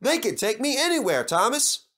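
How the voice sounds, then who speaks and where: A man's voice: very high voice, sing-song, normal speed, bright, forceful tone, voice pushed up, exaggerated voice. A man voicing a helpful, cheerful tractor with a reassuring manner in a children's story. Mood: amused. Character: easygoing, helpful, chuckling male tractor.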